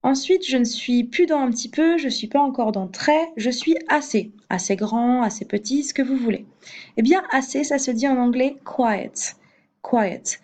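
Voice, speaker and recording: Fairly high woman's voice, patient teacher, recorded lesson, hesitant fillers, repeats examples. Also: normal speed, a little mellow. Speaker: English teacher.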